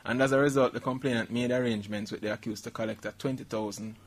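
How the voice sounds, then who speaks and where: This radio show host, a middle-aged Jamaican man, has a steady mid-range voice and a fast pace. He reads news items aloud, then jokes about them with laughter and Patois asides in loose, comedic banter.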